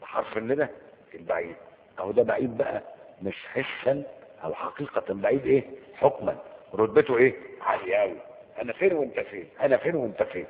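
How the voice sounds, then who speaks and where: A man's voice: fairly low pitch, expressive, quick pace, long reverb tail, narrow, tinny audio. A man with an Egyptian Arabic accent teaching Arabic grammar in a colloquial lecture, asking questions and answering them himself. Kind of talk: colloquial lecture with Quranic quotes.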